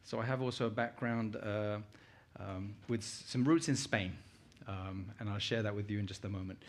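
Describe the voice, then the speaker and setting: A middle-aged man, born in Uganda and from the United Kingdom, speaks with a British accent as a conference guest. His voice sits on the low side with fairly even intonation at a normal speed, and he presents informally, sharing personal anecdotes and asking the audience questions.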